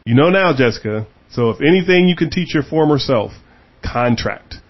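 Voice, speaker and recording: A man's voice: mid-range voice, normal speed, highs cut off. Heated, emphatic male host. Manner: animated, heated and emphatic, repeating his points. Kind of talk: casual chat.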